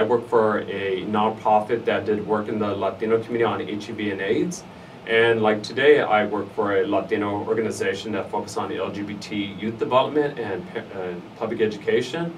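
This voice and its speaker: A middle-aged man with an East L.A. accent giving conversational interview answers, emphatic and given to repeating phrases in lists. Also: fairly low pitch. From United States, East Los Angeles area. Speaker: interviewee, fraternity alum. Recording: noisy, distant mic, room ambience.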